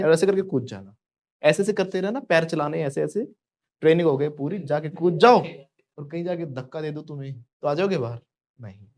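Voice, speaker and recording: Animated Indian male English teacher. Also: fairly high pitch. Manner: animated, switching between Hindi and English, drilling students to repeat. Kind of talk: spoken English lesson.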